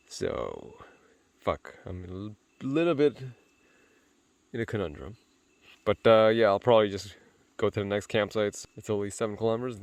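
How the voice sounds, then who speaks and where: A man's voice: fairly low pitch, a little mellow, clear, resonant tone, no room sound. Worn-out man rambling on a trail. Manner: rambling, swears freely, many fillers. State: tired and sore from hiking. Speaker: vlogger on a solo hike. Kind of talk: casual hiking vlog narration. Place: outdoors on a forest trail.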